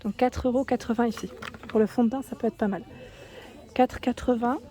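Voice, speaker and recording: A woman's voice: on the high side, steady tone, brisk. Chatty French woman touring a shop. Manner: chatty, reads prices aloud, thinks out loud. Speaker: shopping haul vlogger. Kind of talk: casual store walkthrough vlog. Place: indoors in a shop under ceiling spotlights.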